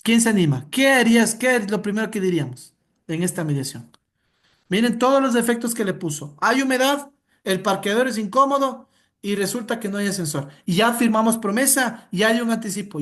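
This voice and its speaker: Woman instructor, lively, direct, coaching, online class, video call audio, mid pitch. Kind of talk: interactive online lesson.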